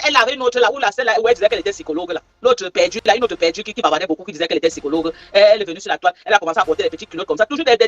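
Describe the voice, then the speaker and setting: Rapid-fire scolding woman. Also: medium pitch, highs cut off. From Cameroon. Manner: scolding, mocking, repetitive taunts. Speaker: social media livestreamer. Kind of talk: angry live rant.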